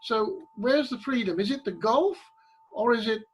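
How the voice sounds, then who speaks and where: High-pitched husky male interviewer. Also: lively intonation, moderate pace, low-quality recording. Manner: stammering, repeats words while forming questions. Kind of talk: unscripted interview questions.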